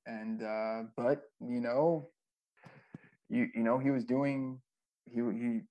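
A man's voice: mid-range voice, fairly even intonation, takes it slowly, mellow. A man, a former music manager, telling stories in a casual interview, loose and profane with lots of fillers. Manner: loose, profane storytelling with many fillers and acted quotes.

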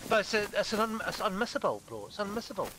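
A man's voice: high voice, very animated, quick pace, a crowd in the background, poor audio. A man with a heavy Scottish accent chatting casually as an online game player, often repeating his phrases, over game voice chat. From Scotland.

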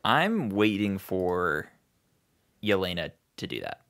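A man's voice: low voice, very animated, takes it slowly, fairly bright tone. A young man co-hosting a podcast, laid-back and joking in casual chat. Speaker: podcast co-host.

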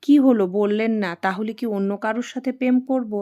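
A woman's voice: a little high, moderate pace, dark tone, dull audio, natural voice. Naive girl bride for an audio story, innocent chatter, read by a woman. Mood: pleading.

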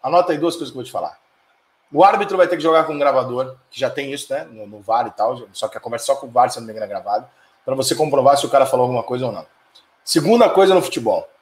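Fiery, profane Brazilian man ranting. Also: mid-range voice. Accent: Brazilian Portuguese. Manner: profane, fiery, quick to anger and rant. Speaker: live stream host reading viewer comments. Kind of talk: casual heated live chat. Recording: echoey room.

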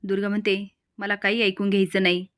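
A woman's voice: mid-range voice, monotone, fast talker, clear, resonant tone. Woman narrator, serial episode recap, storytelling, reads quoted lines for each character.

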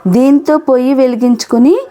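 A woman's voice: sits high, moderate pace, warm tone, lightly acted. A woman voicing a kind-hearted young village boy who speaks eagerly and politely. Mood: gentle.

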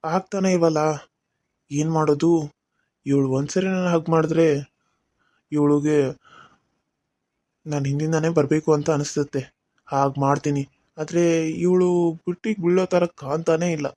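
A man's voice: on the high side, steady tone, normal speed, pauses often, warm tone, no room sound, natural voice. A man voicing a young husband who muses aloud to himself in a cartoon serial. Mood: musing. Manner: casual thinking aloud.

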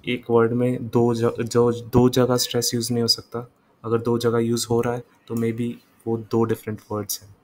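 A man's voice: medium pitch, monotone, a little hiss or hum, poor audio. A man giving an exam revision lecture, reading English points and explaining them in Hindi, correcting himself and repeating examples aloud. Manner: reads English slides slowly, explains quickly in Hindi. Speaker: online tutor.

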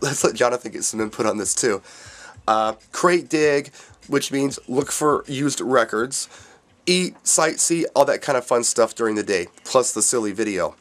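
A man's voice: mid-range voice, normal speed. A man, a DJ hosting his own video channel, announcing upcoming events to his viewers in an upbeat way while reading dates and addresses from notes. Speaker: DJ and YouTube host announcing events.

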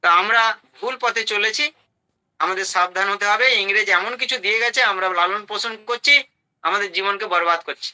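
A man with a high, very bright and piercing voice gives a health talk to an audience. He is emphatic, rattles off items in short bursts and keeps asking rhetorical questions. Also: a little fast, low-quality recording. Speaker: health speaker.

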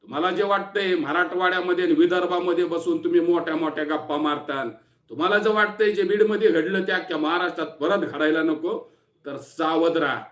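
A man's voice: fairly high pitch, fairly quick, echoey room. A man from Maharashtra with a sore throat, giving an angry, taunting political warning speech. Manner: fierce, taunting, threatening. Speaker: activist speaking to camera.

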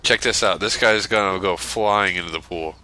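A man joking and reacting loudly while he and a friend play a video game together. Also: low-pitched, normal speed. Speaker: gamer. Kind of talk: casual co-op gameplay commentary.

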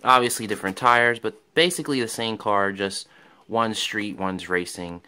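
In this casual vlog, a toy car collector shows off his latest finds, speaking with a lowish, bright, forceful voice that stays smooth at a normal speed. He rambles with enthusiasm, stumbling through plenty of ums and restarts.

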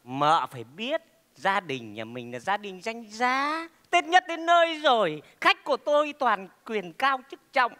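A smug, scheming rich husband who talks slowly and dismissively. His voice is bright and lively in pitch, with a long stage reverb. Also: smooth, full character voice. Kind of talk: stage comedy sketch acting.

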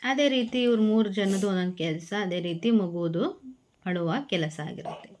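A woman teacher reading a children's story aloud slowly and then explaining it to young pupils. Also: medium pitch, darkish tone. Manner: slow, clear storybook reading with repeated calls.

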